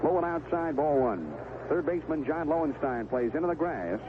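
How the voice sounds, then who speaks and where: Here an American man with a slightly high, animated voice delivers live radio-style baseball play-by-play at a moderate pace. It comes from a 1970s broadcast recorded at the stadium booth, so the sound is thin, tinny and narrow, with plenty of background noise.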